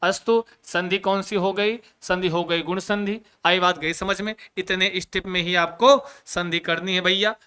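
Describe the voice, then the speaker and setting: A man teaches a grammar lesson in a bright, forward voice that rings clear and smooth. He keeps asking his students questions and then answers them himself. He drops in quick joking asides as he goes. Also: high voice, fairly even intonation.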